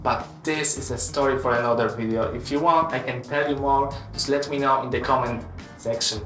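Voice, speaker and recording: A man in his late twenties from Poland tells his own story in accented English, earnest and full of little "uh" pauses. He sits back from the mic, so his voice sounds distant and bounces around the room. Soft music plays faintly underneath. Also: medium pitch, steady tone. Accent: Polish. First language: Polish. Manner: earnest, with frequent "uh" fillers. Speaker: web developer and channel host. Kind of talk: personal story vlog. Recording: roomy echo from a distance with music.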